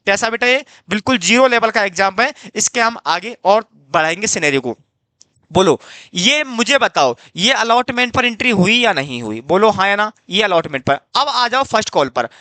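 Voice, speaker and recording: High bright-voiced man teaching. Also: expressive, moderate pace, no echo. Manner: coaxing, repeats himself, quizzes students, calls them "beta". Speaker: accounting teacher. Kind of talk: classroom lecture.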